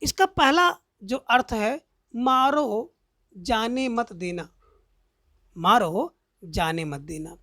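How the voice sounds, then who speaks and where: Woman teacher, slow careful explaining, fairly high voice, dry close sound, recites verse examples. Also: expressive, a bit bright, no room sound. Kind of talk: explaining Hindi grammar lesson.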